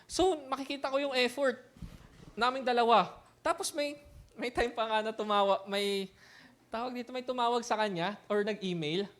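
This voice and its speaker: A man's voice: very high-pitched, normal speed, fairly bright tone. A man, a pastor, telling a personal story in a sermon, mixing in English words and often laughing as he talks. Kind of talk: sermon testimony.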